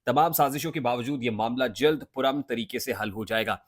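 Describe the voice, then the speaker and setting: Male political news vlogger at mid pitch, emphatic, with hesitant filler pauses. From Pakistan.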